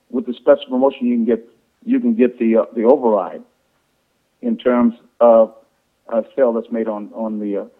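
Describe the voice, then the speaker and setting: A man with an average-pitched voice delivers an informal sales pitch to affiliates. He explains step by step, often repeating words and restarting phrases. The sound is thin and band-limited, like a conference call over the phone. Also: phone-quality sound. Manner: repetitive, halting explanation with false starts.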